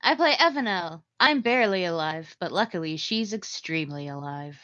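A woman playing in a tabletop game podcast, excitable and bubbly. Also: on the low side, moderate pace, no room sound, lo-fi sound. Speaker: player. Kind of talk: casual chat among players.

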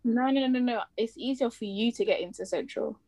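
A woman's voice: fairly high pitch, a little fast, a little mellow, dry recording. Young woman chatting casually. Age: young adult. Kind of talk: casual chat.

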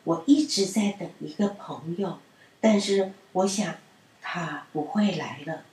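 A woman voicing a small female butterfly in a children's story, soft and plaintive. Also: medium pitch, animated, moderate pace, echoey room, close to an everyday voice, poor audio. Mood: sad.

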